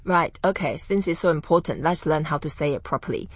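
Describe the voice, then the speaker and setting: A woman from Taiwan leads a Chinese lesson, pronouncing each word slowly and carefully. Her voice sits a little low, and the close-mic recording is dry and slightly muffled. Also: expressive, slightly rough, no echo. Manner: slow, careful pronunciation drills. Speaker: Chinese language teacher and host. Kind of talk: scripted language lesson podcast.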